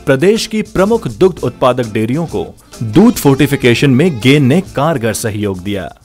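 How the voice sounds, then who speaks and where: A man reading scripted documentary narration in a measured, formal manner. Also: medium pitch, big pitch swings, darkish tone, soft background music.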